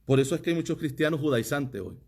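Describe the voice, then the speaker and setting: A man's voice: fairly high pitch, expressive, fast talker, gravelly, darkish tone, a little hiss or hum. A man, a pastor giving a livestreamed teaching sermon, reading viewer comments and asking his audience one rhetorical question after another.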